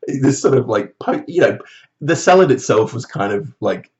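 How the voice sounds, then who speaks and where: A man's voice: moderate pace, muffled recording. Chatty man ranting on a vlog. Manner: animated, swearing, jumps to high mocking voices when quoting. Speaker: vlogger. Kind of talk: casual storytelling vlog.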